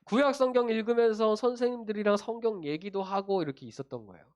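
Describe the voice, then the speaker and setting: A man's voice: high-pitched, fast talker. A junior pastor giving a children's sermon, telling a story and often checking in with his young listeners. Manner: animated storytelling, addressing kids directly with tag questions.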